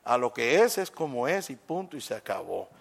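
A man preaching a sermon, lively and conversational, acting out little exchanges and dropping in English phrases. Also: mid-range voice, moderate pace, vocal fry, breathy edge. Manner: animated, acts out little dialogues, mixes in English phrases.

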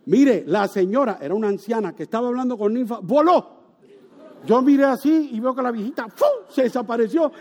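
Man, pastor, sermon, mellow warm tone, animated storytelling, sudden exclamations. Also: very high-pitched, a little fast.

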